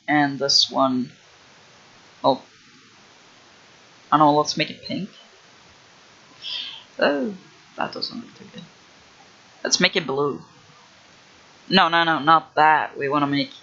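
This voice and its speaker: A man's voice: fairly high pitch, takes it slowly, pauses often, pushed and bright, muffled recording. A young man livestreaming as he builds a game level, rambling casually with lots of fillers and restarts. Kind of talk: casual thinking-aloud livestream.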